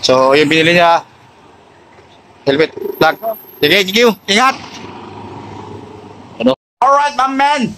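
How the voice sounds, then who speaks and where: His high voice is very animated yet slow, pushed and bright, broken by long pauses. A Filipino man who sells motorcycle accessories and vlogs, he casually walks a customer and viewers through products, often addressing the customer respectfully, in a noisy place with passing vehicles.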